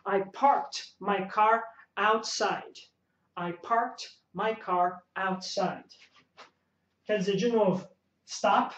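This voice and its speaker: A man with a Brazilian accent teaches English pronunciation, drilling each word slowly and deliberately. His voice sits at an ordinary pitch in a roomy space. The recording is slightly dull and muffled. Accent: Brazilian Portuguese. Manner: slow, careful drilling of English words between Portuguese explanations. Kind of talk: pronunciation lesson.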